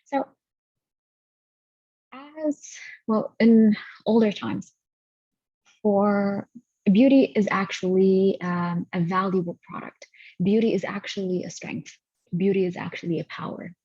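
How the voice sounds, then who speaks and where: A woman hosting a guided healing session over a video call, talking haltingly and stopping to gather her thoughts. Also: mid-range voice, steady tone, mellow, breathy edge, no room sound. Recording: dull lo-fi audio.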